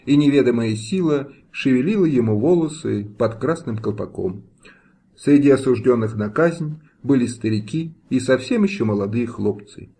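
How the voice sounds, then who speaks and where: A man reading a historical novel aloud as an audiobook narrator, in a steady, dramatic manner. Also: medium pitch.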